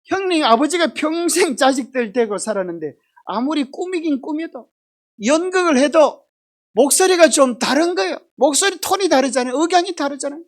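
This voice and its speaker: A woman teaching a children's Bible lesson, lively and asking the children questions. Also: high voice, moderate pace. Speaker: children's Sabbath school teacher.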